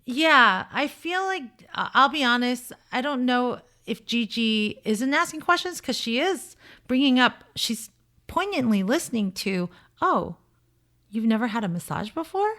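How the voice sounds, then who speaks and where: Her voice is fairly high, expressive, pushed and bright, delivered at a measured pace. As a dating coach and show host, this woman gives blunt, opinionated, emphatic commentary on relationships in a conversational style.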